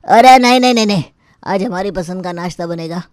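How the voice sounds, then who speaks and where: A woman's voice: mid-range voice, steady tone, normal speed, darkish tone, no echo, studio quality, lightly acted. A woman voicing a grumpy, demanding, middle-aged uncle-in-law in a cartoon, huffy and easily offended. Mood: bossy. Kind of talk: cartoon voice acting.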